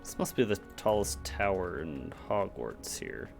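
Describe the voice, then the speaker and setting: A man's voice: deep voice, animated, unhurried, creaky, faint music behind. A man giving casual commentary as he plays a video game, muttering reactions to himself and reading on-screen text aloud. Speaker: video game streamer playing through a game.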